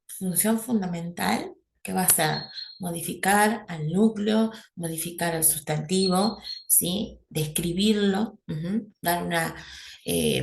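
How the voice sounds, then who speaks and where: A woman's voice: medium pitch, gravelly. A middle-aged woman, teaching an English grammar class and checking in with her students again and again. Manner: explanatory, checks in with a constant "¿sí?". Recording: echoey room with faint noise.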